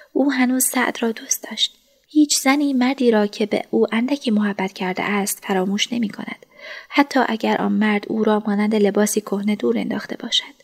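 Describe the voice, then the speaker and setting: A woman narrating a first-person audiobook story in a soft, hushed manner. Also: mid-range voice, creaky, breathy edge.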